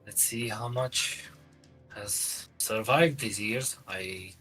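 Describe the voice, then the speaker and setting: A man's voice: lowish voice, slow pace, pushed and bright, faint music behind. A man playing a tabletop role-playing game, talking casually as he says what he does.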